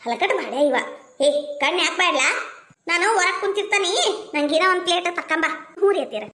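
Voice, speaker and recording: A woman with a North Karnataka Kannada accent, bantering quick-tongued in a village comedy skit. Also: extremely high pitch, expressive, sharp tone, roomy sound. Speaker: comedy skit actor and channel host.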